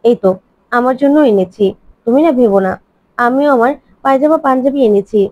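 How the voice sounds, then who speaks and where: A woman's voice: fairly high pitch, no echo, natural voice. A woman voicing an adult man who is insistent, hurt and defensive, pressing one reproachful question after another in a dry, dull recording. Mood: explaining. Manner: pleading, rapid, reproachful questions.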